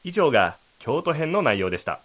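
A man's voice: on the high side, sing-song, brisk, loud music behind the voice. A man co-hosting a language lesson, explaining and rephrasing lines in a polite, explanatory manner. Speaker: co-host.

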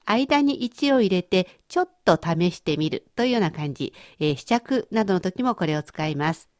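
A woman leading a radio language lesson who explains words clearly and patiently. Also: lowish voice, animated, normal speed, darkish tone, no room sound, studio quality. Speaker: language teacher.

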